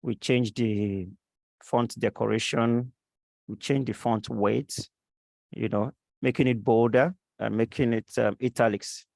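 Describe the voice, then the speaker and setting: Male online instructor, sore throat, slow delivery full of fillers, gravelly voice. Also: mid-range voice, fairly even intonation, darkish tone, dry recording. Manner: slow, halting, many fillers. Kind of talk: live online class lecture. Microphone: computer mic on a video call.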